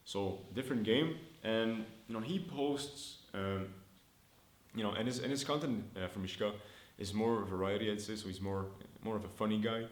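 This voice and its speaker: This casual business vlog update comes from a French-speaking startup founder in his early twenties, based in Montreal, Canada. Filmed on his own camera in an indoor room that echoes noticeably, he talks at a moderate pace in a fairly low voice, upbeat and chatty, thinking out loud and often starting sentences over.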